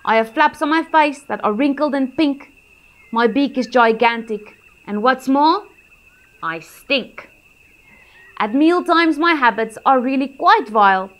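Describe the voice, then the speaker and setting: A woman's voice: high voice, lively intonation, a little slow, fairly bright tone. A woman voicing a bald, smelly lappet-faced vulture who is smug about its revolting habits. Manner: smug, relishing disgust.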